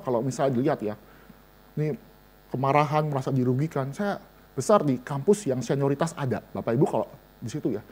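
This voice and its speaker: A man delivers a sermon. His pitch swings widely as he jokes and talks straight to his listeners. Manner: lively, joking, addresses listeners directly. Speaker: vicar preaching to a women's and seniors' Bible study.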